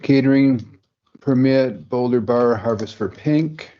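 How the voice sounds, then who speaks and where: A man chairing a county board meeting, moving briskly through motions and votes. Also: medium pitch. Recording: dull meeting room audio with faint noise.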